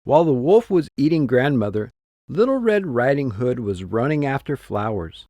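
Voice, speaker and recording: A man reading a textbook story slowly and expressively as the audio narrator, in a dry, close studio recording. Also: medium pitch, big pitch swings, mellow, no room sound. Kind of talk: scripted narration.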